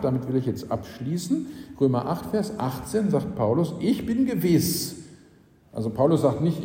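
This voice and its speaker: A man's voice: medium pitch, mellow. A man preaching a sermon, explaining scripture and often asking rhetorical "nicht?" checks of his listeners. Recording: roomy hall with long reverb.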